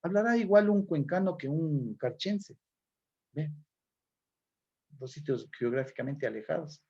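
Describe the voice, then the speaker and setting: A man lectures a class in a fairly high, husky voice. He explains patiently and keeps checking in with the listeners. The sound is dull and lo-fi. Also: expressive, measured pace, mellow. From Ecuador. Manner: explanatory, frequent checking questions. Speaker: teacher. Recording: dull lo-fi recording.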